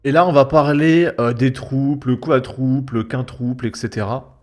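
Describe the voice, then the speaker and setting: This YouTube commentator is a young man speaking at medium pitch, unhurried and with fairly even intonation, over background music. He mocks what he's reacting to in a casual, slangy manner, sounding sarcastic and exasperated.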